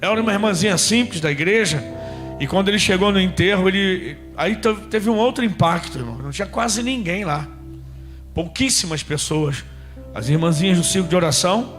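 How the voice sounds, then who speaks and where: High-voiced Brazilian preacher telling stories. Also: male voice, expressive, moderate pace, a bit bright, soft background music. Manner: storytelling preacher, addresses congregation directly. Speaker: pastor. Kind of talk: sermon.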